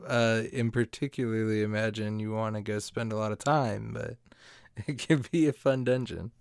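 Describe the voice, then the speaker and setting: A man's voice: lowish voice, fairly even intonation, normal speed, gravelly, clear, resonant tone, dry recording, studio quality. A man co-hosting a gaming podcast, chatting casually and upbeat, often laughing as he talks. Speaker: podcast co-host.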